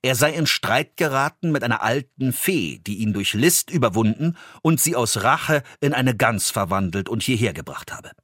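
A man reading a fairy tale aloud as the narrator, in an expressive storytelling manner. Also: medium pitch, normal speed, hardly any pauses, no room sound, clean studio sound.

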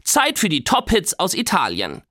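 Guy doing a whiny young girl in the back of a car, high and bratty. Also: wildly swooping pitch, normal speed, sharp tone, dry recording, clean studio sound, exaggerated voice.

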